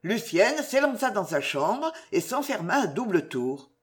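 Expressive woman reading a classic novel. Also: medium pitch. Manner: expressive, measured. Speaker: narrator.

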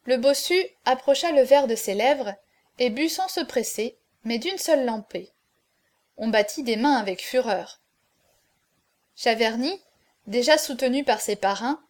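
A woman narrating a classic adventure novel in an expressive, dramatic way. Her voice sits high. Steady audiobook reading.

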